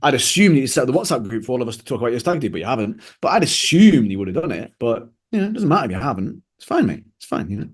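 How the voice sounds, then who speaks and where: A man's voice: mid-range voice, sing-song, very fast, hardly any pauses, slightly rough. A man, a fitness coach co-hosting a casual podcast, ranting sarcastically. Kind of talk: casual chat.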